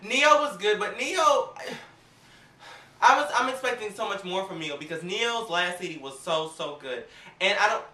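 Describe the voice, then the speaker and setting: A woman casually reviewing an awards show in a sassy, animated, gossipy way, acting out quotes as she talks. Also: medium pitch, normal speed, recorded from a distance. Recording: roomy, off-mic home recording.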